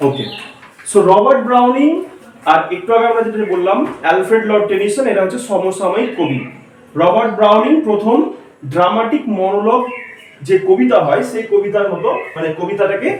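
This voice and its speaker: Man teaching a class, high voice, slow explaining with questions to students, very echoey room, mic far away. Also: a little hiss or hum. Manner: explains slowly and quizzes students. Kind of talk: classroom lecture.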